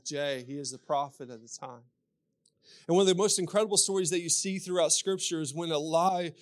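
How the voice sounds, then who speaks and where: A man with a Kentucky accent preaching as a pastor, telling scripture stories and repeating phrases for emphasis. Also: on the high side. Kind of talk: sermon with scripture storytelling.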